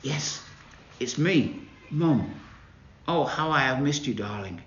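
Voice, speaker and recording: A man voicing the loving spirit of a mother inside a magic turtle necklace, speaking softly and almost in a whisper. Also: medium pitch, expressive, slow, noisy background. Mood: hushed, loving. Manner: soft, near-whispered, loving. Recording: roomy, dull recording.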